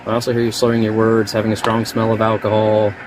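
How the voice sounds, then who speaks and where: A male police officer lays out the law in a firm, matter-of-fact way. He talks quickly in a fairly low voice. The outdoor bodycam audio is heavy with noise. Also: completely flat delivery. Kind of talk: reading legal rights, procedural talk.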